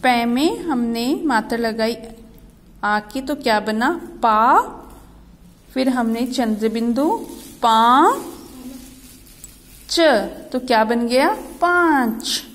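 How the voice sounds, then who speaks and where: A woman teaching young children Hindi, reading words slowly and asking them to repeat after her. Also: on the high side, lively intonation, fairly bright tone, in a large hall. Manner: slow, drawn-out word-by-word reading with repeated questions. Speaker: primary school Hindi teacher.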